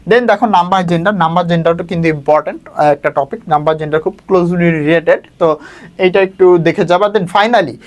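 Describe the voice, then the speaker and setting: A young man, coaching students through exam topics in a brisk tone and calling them brother. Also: high voice. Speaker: admission test tutor. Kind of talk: exam prep lesson.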